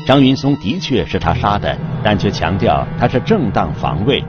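A man's voice: lowish voice, very animated, moderate pace. A man narrating a true crime programme from a script, telling it dramatically with rhetorical questions. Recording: dull sound with music behind. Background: clear background music.

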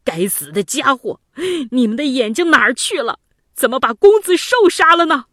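A woman's voice: lowish voice, animated, a little slow, husky, dry recording, studio quality. A woman voicing a loyal young prince, an elder brother who pleads and cries out in grief, in a storybook reading. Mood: urgent.

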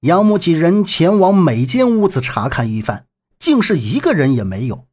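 A man narrating a serialized novel in an expressive, dramatic manner with a husky voice. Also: fairly high pitch, moderate pace. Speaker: audiobook narrator.

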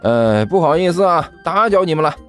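A man's voice: fairly high pitch, animated, brisk, faint music behind, voice pushed up, lightly acted. A man voicing a sly male landlord who chats in a falsely cheerful way in an audiobook. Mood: fake-friendly. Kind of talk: audiobook character voice.

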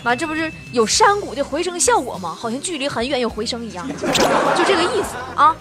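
A high, lively woman's voice hosts a radio show, chatty and teasing. Loud music plays underneath her the whole time. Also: fast talker, a loud crowd. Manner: chatty, teasing, laughing asides. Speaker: radio host. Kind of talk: comic storytelling.

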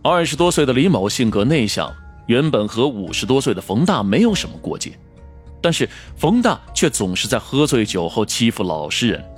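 Male voice, true crime narrator, scripted storytelling, very lively intonation, mid pitch, music behind. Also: moderate pace.

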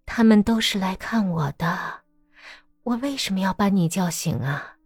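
A woman reading a novel aloud, voicing a gravely ill young peasant wife who speaks faintly and breathily to her family. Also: medium pitch, lively intonation, moderate pace, darkish tone, no room sound, clean studio sound, soft background music. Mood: weak, tender. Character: dying young peasant wife, weak and tender.

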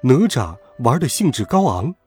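A man telling a classic myth as scripted storybook narration, dramatic and expressive. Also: medium pitch, moderate pace, faint music behind.

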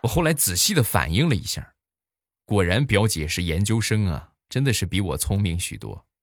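A man's voice: lowish voice, animated, moderate pace, a little hiss or hum. A man telling funny everyday stories in a comic monologue, playful, with exaggerated punchlines. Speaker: comedian.

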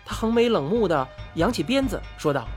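This brisk, medium-pitched female narrator tells her story as "I," voicing the characters' lines with lively expression. Some faint music plays behind her.

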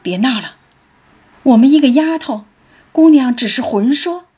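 A woman voicing a gentle, modest young maid who demurs, with a breathy voice. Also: fairly high pitch, lively intonation, a little slow, full character voice. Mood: demurring.

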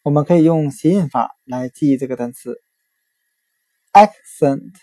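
A woman's voice: low voice, lively intonation, warm tone, no room sound. A woman teaching English vocabulary, spelling words out letter by letter. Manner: slow, deliberate spelling out letter by letter. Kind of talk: vocabulary lesson.

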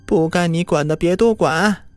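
A man voicing a creepy, raspy old landlady who speaks in curt, ominous warnings, over background music. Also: fairly high pitch, moderate pace, no echo, voice pushed up, close to an everyday voice. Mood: irritated.

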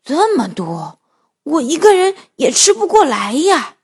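A woman's voice: high voice, very animated, a little slow, a little mellow, heavily acted. A woman voicing a cheerful, greedy big grey male wolf in a children's story, chuckling to himself as he talks. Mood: gleeful.

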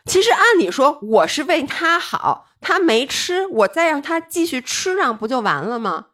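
Female podcast co-host, very high and swooping delivery, animated storyteller. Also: moderate pace. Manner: lively storytelling, re-enacting her own arguments. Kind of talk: casual chat.

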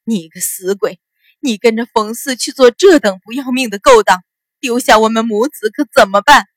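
A woman's voice: a little high, moderate pace, no echo, natural voice. A woman doing a wailing, scolding peasant wife. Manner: loud, crying, scolding.

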